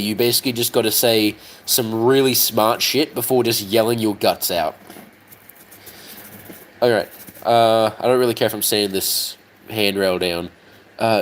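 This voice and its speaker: A man's voice: fairly low pitch, low-quality recording. A young man with an Australian accent, chatting casually while he works, swearing often and filling gaps with ums as he tries to remember things. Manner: swears freely, lots of ums and trailing off. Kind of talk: casual rambling chat while working on a model.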